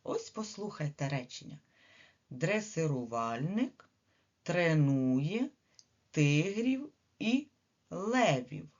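A woman with a Ukrainian accent teaches letters and sounds to small children, her low voice swooping up and down in a lively sing-song. She speaks slowly and stretches out syllables for the children. The recording is a little dull and lo-fi. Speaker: preschool teacher. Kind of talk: early literacy lesson for small children.

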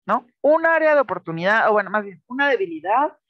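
A woman's voice: mid-range voice, big pitch swings, a little fast, no room sound. Mexican woman teacher on a dull video call. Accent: Mexican Spanish. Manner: patient and explanatory, checks in with students. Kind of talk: online class feedback lecture.

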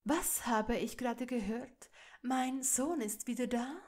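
Female reader doing a contemptuous older nobleman for a fan audiobook, loud and scornful, pitched fairly high and slow. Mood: cold. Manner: loud, sneering, raised voice. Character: cold haughty older male aristocrat, contemptuous. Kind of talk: audiobook reading of fan fiction.

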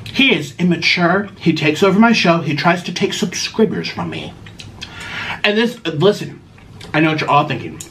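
A man hosts a casual eating vlog from his table at home, whiny and defensive as he argues with his partner. His voice sits high and leaps around in pitch. Loud clinking of dishes and silverware runs under everything he says. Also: sing-song, moderate pace. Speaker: vlog host. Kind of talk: casual bickering mukbang vlog. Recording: noisy with dish and cutlery clatter.

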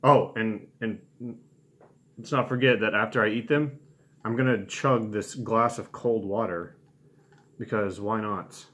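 A man's voice: lowish voice, steady tone, measured pace, fairly bright tone. A man in his twenties chatting casually to camera in a laid-back, understated way, recorded at home. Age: 20s. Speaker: challenge video host. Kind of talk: casual vlog chat to camera. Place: small home room indoors.

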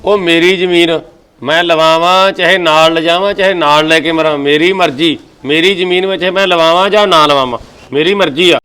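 An actor playing a complaining bachelor uncle in a Punjabi village family drama, speaking with a Punjabi accent. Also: male voice, on the high side, fairly even intonation, normal speed, sharp tone, clear, resonant tone. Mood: quarrelsome. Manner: complaining, self-pitying.

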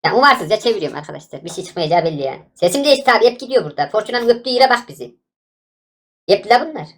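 Commentating her gameplay live, a female gaming YouTuber yells at the game, sounding both worked up and fed up. Her voice is mid-range.

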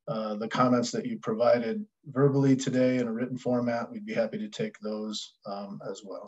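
A man's voice: medium pitch, a little mellow, muffled recording. A man moderating a hearing politely and procedurally over a video call. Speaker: hearing officer.

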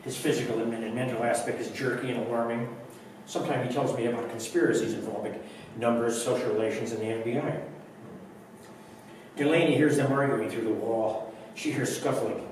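A man reading his own poetry aloud at a library event, telling it in a measured, wry way with dry humor. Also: medium pitch, steady tone, darkish tone, a little hiss or hum. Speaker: poet reading his work. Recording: very echoey room, mic far off, audible background.

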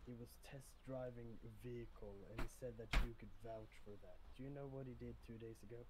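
Man, cop role-play, businesslike, monotone delivery, clear hiss in the recording. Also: mid-range voice, fast talker. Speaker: police officer in a role-play. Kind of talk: in-character game role-play.

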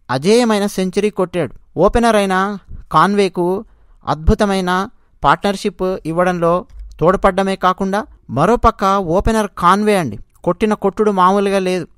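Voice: medium pitch, smooth, dry recording, studio quality. A host giving cricket commentary as a match recap, conversational and emphatic, addressing listeners directly.

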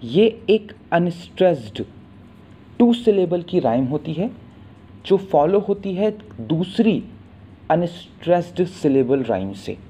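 A man with a warm, somewhat high voice teaches a literature lesson, patiently explaining terms and repeating sounds to drill them. He reads English definitions slowly, then explains them in Hindi, with slight background noise.

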